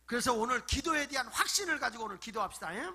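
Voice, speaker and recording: A middle-aged male pastor preaching a Friday night revival sermon, playfully acting out wheedling prayers and swinging from soft murmurs to shouted bursts. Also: very high-pitched, animated, fast.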